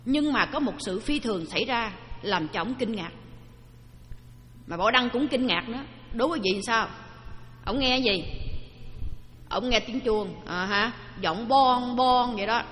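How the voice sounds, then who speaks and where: A woman giving a storytelling dharma talk, lively and asking the audience questions. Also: fairly high pitch, unhurried, long pauses. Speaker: Buddhist dharma teacher. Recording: long hall reverb.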